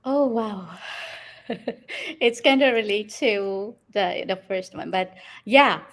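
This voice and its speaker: A woman's voice: mid-range voice, slow pace, fairly bright tone. A woman, answering interview questions as a guest, rambling and laughing often. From Philippines. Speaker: guest entrepreneur.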